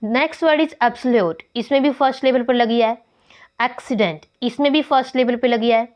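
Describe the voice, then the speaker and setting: A woman's voice: high voice, darkish tone. A woman teaching English word stress, going through examples one by one. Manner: rapid explanation, spells out stressed syllables word by word. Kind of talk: online exam-prep grammar lesson.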